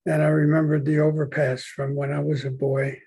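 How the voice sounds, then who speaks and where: A man's voice: fairly high pitch, little pitch movement, brisk, darkish tone, husky, poor audio. A man hosting a podcast interview, asking chatty questions with some hesitation. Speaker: podcast host. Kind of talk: conversational interview.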